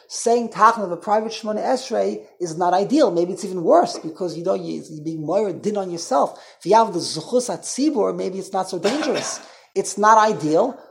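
A man teaching an informal Torah class as a rabbi, talking in an animated way and repeating himself. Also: high voice, vocal fry. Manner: animated, repetitive, mixes Hebrew and Yiddish terms.

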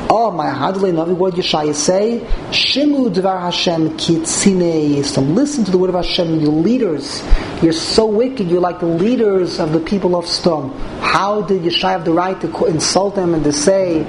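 A man's voice: high voice, moderate pace. A man teaching an informal Talmud class as a rabbi, repeating and rephrasing as he explains phrase by phrase. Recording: clearly noisy room recording.

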